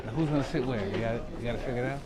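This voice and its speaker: A man's voice: medium pitch, rapid-fire, a crowd in the background. A man co-hosting a podcast, joking and teasing the others in casual banter. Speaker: co-host.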